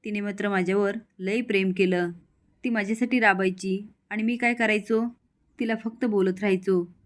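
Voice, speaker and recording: A woman's voice: mid-range voice, fairly even intonation, moderate pace, close to an everyday voice. A woman voicing a remorseful village man who laments and blames himself. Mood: grieving. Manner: lamenting, self-blaming.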